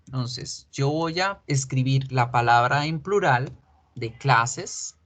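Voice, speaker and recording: A man teaching a recorded online language class, talking at an unhurried, measured pace in a mid-range voice. He stops to ask the students questions and says each example sentence slowly, more than once, so they can copy it. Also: mid-range voice, fairly bright tone, low-quality recording. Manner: patient, repeats example sentences slowly for pronunciation; asks students questions and checks understanding. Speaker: English teacher.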